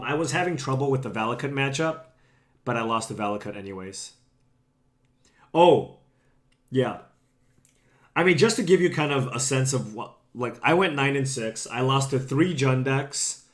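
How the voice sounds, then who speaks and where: Young man, slightly hoarse from a cold, casual stream chatter, self-deprecating, talks to his chat at home. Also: mid-range voice. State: slightly sick, losing voice. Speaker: streamer playing a card game. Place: home room.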